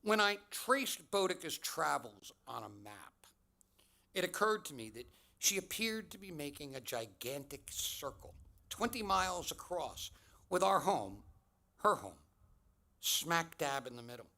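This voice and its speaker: Bright-voiced man giving a commencement speech. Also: on the high side, big pitch swings, creaky. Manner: measured, deliberate delivery with dramatic pauses. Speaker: commencement speaker. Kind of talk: prepared speech telling a personal story.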